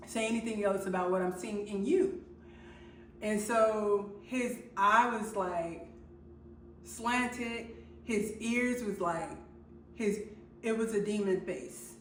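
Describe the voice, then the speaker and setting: A woman vlogger telling a personal story in a halting way, with many fillers and restarts. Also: mid-range voice, slight background noise. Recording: roomy sound from a distant mic.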